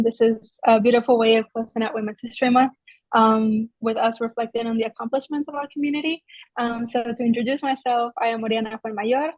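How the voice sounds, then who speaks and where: A young woman in her twenties from Venezuela, moderating a webinar interview in a grateful, measured way. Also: a little high, no echo, rough recording.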